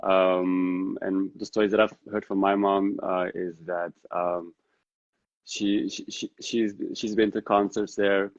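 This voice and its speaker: Slow and low-pitched, a flat-voiced man talks through his ideas aloud as a podcast guest in a laid-back interview. He's from the Netherlands, his first language is Dari, and his tone is reflective and earnest. The recording is dry, with dull lo-fi sound.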